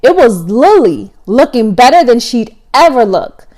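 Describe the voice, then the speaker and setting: A woman podcast host reading her own story aloud in a casual, expressive way. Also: on the high side, a little slow.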